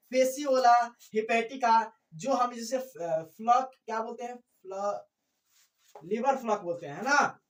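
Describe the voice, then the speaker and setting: A woman biology teacher giving a classroom lecture at the board, repeating key words and asking rhetorical questions, dropping in English terms. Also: fairly high pitch. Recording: echoey room, far from the mic.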